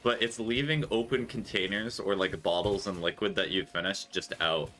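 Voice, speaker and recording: A man's voice: sits low, steady tone, moderate pace, bright, forceful tone. A young man chatting casually and musing aloud while he streams a game, given to mock-dramatic remarks. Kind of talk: casual gameplay chat.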